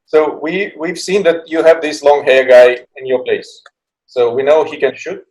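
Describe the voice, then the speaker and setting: A man's voice: a little high, fairly even intonation, measured pace, darkish tone, a little hiss or hum, poor audio. A man acting as interviewer, asking questions in a loose, casual way.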